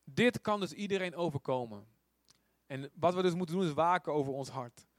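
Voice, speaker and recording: Chatty preacher with a higher voice. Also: male voice, brisk, dry recording. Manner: informal, asks rhetorical questions; animated storytelling with acted quotes. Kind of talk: conversational sermon.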